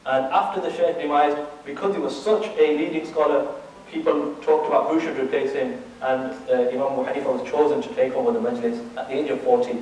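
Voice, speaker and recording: A man's voice: medium pitch, steady tone, fairly quick, a little mellow, slight background noise. A man giving a religious lecture, asking his audience rhetorical questions and often restarting and repeating his words. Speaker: Islamic teacher. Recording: very echoey room, distant mic.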